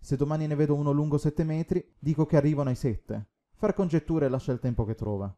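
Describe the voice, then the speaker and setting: A man reading the part of a gruff, blunt shark hunter who swears often, in an audiobook. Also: on the high side, quick pace, dark tone, lightly acted.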